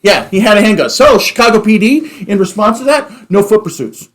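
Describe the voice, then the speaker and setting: A man with a distinctly high-pitched voice leads an informal discussion. He explains and recaps conversationally, like a host chatting with colleagues. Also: expressive, a little fast, a bit bright. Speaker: podcast host. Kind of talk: casual chat and explanation.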